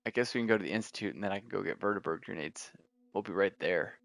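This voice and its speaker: A man's voice: low-pitched, fast talker, creaky, fairly bright tone. A man giving casual, laid-back let's play commentary, thinking aloud as he plays. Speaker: gameplay streamer.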